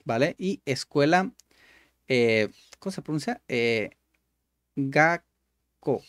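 A man's voice: mid-range voice, expressive, measured pace, no echo. Guy playing a word game, says each word back and explains it, dry close sound. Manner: repeats words aloud and explains them like a patient tutor. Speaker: gaming YouTuber. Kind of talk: casual gameplay commentary.

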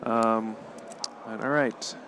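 A man calling a live card-game tournament match play by play, quick and analytical, chuckling often. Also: fairly low pitch, fairly even intonation, a bit bright, slight background noise. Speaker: tournament commentator.

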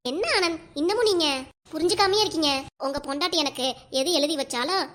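Devi, a high, quick scornful cartoon wife. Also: female voice, fairly bright tone. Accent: southern Tamil Nadu. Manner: scornful, taunting and bossy. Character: scheming bossy young wife. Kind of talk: cartoon comedy sketch acting.

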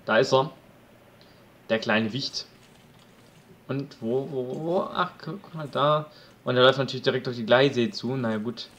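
Here a man with a mid-range voice narrates his survival game at a normal pace, pausing often. He jokes around, addresses his viewers directly, and shouts at wolves, typical of a let's play commentator. It's a rough recording.

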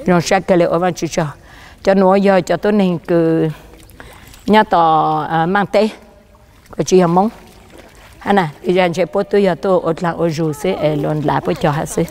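Outdoors beside a river, a male pastor preaches a sermon, his voice often leaping higher and louder for emphasis.

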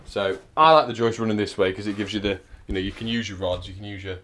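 Man, very low voice, electrician talking through a job, dry and chatty. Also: quick pace, a bit bright. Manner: chatty, dry, explains as he works. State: out of breath at times. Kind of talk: casual work vlog narration. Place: house being rewired, indoors.

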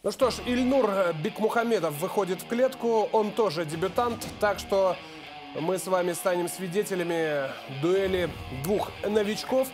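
A man's voice: sits high, normal speed, music in the background. A man giving live MMA commentary as a sports broadcaster.

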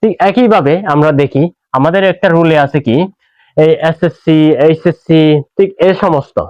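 A man's voice: fairly high pitch, darkish tone, dry recording. Bangladeshi man teaching, asking "right?". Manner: explains step by step, repeats words slowly, asks "right?". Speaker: English teacher. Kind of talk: classroom grammar lesson. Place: classroom with whiteboard. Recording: dull, dry lo-fi sound.

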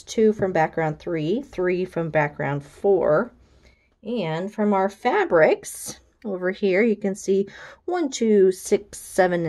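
A woman's voice: fairly low pitch, mellow. An American woman, a quilting instructor, giving a friendly, chatty how-to walkthrough. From United States.

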